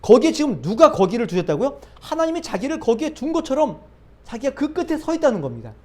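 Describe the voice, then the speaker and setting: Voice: sits high, very animated, quick pace. A pastor preaching a sermon, asking rhetorical questions and answering them, building emphasis by repeating phrases. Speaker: pastor who planted a church.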